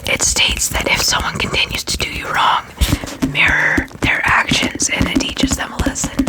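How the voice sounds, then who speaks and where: A person whispering an ASMR talk about books in a breathy, unvoiced voice, sometimes repeating phrases. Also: moderate pace, low-quality recording. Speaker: ASMR creator.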